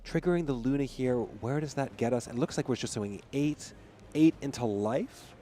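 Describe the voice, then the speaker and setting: A man's voice: mid-range voice, normal speed, mellow, a little hiss or hum. A man giving analytical play-by-play commentary on a card game tournament. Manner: analytical, counting out plays.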